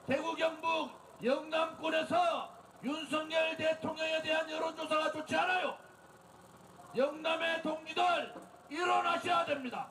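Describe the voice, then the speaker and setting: High, forceful man giving a rally speech. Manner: impassioned, declamatory, forceful exhortation. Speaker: political party leader leading a rally. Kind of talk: rally speech with shouted slogans. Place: outdoor street rally in front of a building. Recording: outdoor PA, echoing, distant, noisy crowd.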